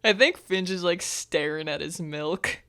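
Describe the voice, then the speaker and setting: A woman's voice: lowish voice, a little slow, fairly bright tone, clean tone. A woman playing a tabletop role-play game, improvising casually and hesitantly as she describes her character.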